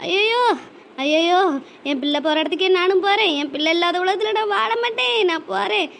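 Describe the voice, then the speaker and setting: Woman doing a village mum from a cartoon, very high and wailing, bit of background hiss. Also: brisk, gravelly, a bit bright, heavily acted. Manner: wailing, lamenting in repeated cries. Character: grief-stricken village mother, middle-aged woman. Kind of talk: cartoon drama voice acting.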